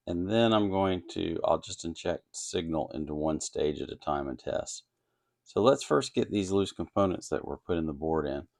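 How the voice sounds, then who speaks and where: Like a hobby instructor at his bench, this electronics kit-building channel host gives a relaxed, down-to-earth technical explanation step by step. His voice is low-pitched and gravelly, with a slightly mellow quality.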